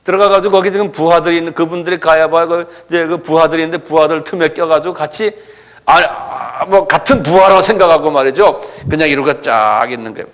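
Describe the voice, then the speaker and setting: A man's voice: a little high, fast, a bit bright, big-room sound. A male pastor preaching an expository sermon, retelling scenes animatedly with rhetorical asides.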